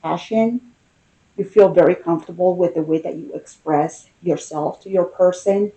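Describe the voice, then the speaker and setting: A woman giving an intimate tarot reading in a casual, conversational manner, with unhurried, drawn-out emphasis and a mellow, soft-edged voice. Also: lowish voice, highs cut off. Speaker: tarot card reader.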